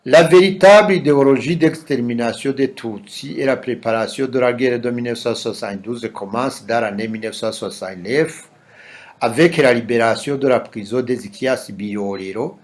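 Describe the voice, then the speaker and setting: Man, from burundi, human rights testimony, measured delivery, steady middle pitch. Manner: measured, listing names and places one by one. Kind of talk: read testimony.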